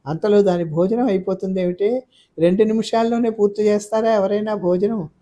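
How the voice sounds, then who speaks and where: A worried middle-aged mother in an audio novel, fussing and grumbling in a raised voice, as a male narrator puts her on. Her talk is anxious and complaining, with a soft, mellow tone. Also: high-pitched, steady tone, fairly quick, voice pushed up, natural voice.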